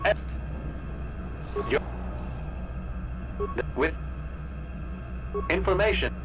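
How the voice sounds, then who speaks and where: An actor voicing a glitching ancient computer terminal in a video game, with flat, clipped announcements that cut off mid-word. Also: male voice, high voice, very slow, exaggerated voice, poor audio. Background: game music.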